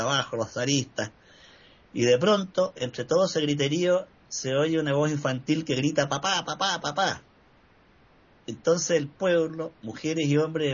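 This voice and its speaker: Husky Chilean man, measured talk. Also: mid-range voice. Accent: Chilean Spanish. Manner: measured, digressive, wry asides. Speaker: panel speaker. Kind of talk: reflective discussion talk with storytelling. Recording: dull lo-fi recording.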